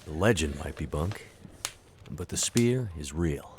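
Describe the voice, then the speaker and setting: A deep-voiced skeptical pilot. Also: male voice, lively intonation, a little slow, noisy background. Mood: dry, skeptical. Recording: game audio with music behind.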